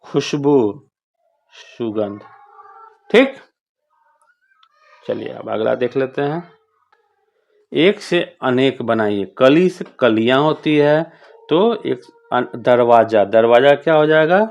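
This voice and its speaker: A woman with a very deep voice who speaks slowly, working through a children's workbook as their teacher. She repeats each word and keeps checking whether the class is following. The recording sounds dull and lo-fi. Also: gravelly, a little mellow. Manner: patient, repeats words and checks with 'okay?'. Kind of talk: explaining a school workbook.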